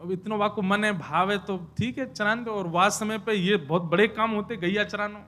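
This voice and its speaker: A man voicing the gentle, indulgent father Nand Baba, soothing. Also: high-pitched, moderate pace.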